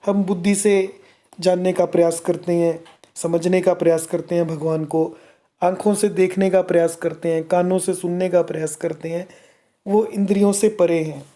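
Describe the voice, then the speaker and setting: A woman's voice: fairly low pitch, fairly even intonation, normal speed, warm tone. A woman explaining devotional verses line by line. She recites each verse phrase and then explains it word by word. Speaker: scripture teacher.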